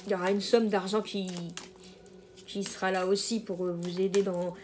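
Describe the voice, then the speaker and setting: A woman's voice: medium pitch, level tone, normal speed, darkish tone, slight background noise. A woman giving a casual general tarot reading, hesitant, with many fillers and restarts and the odd laugh at her own jokes. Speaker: tarot card reader.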